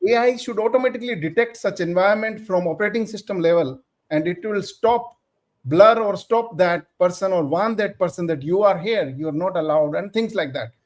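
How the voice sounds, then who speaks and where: High-voiced male panelist, deliberate and explanatory. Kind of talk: panel discussion.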